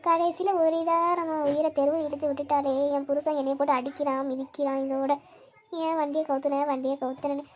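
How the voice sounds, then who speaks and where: [name], a woman voicing a high-pitched complaining wife. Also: flat delivery, brisk, lightly acted. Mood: lamenting. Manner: complaining, meek toward husband. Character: complaining put-upon young wife. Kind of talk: cartoon voice acting.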